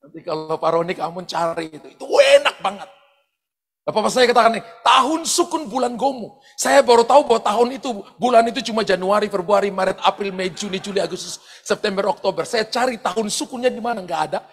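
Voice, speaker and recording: A pastor telling personal stories in a sermon, animated, often shouting out quoted lines and laughing as he goes. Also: sits high, fast. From eastern Indonesia. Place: large church hall. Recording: long hall reverb from church sound system.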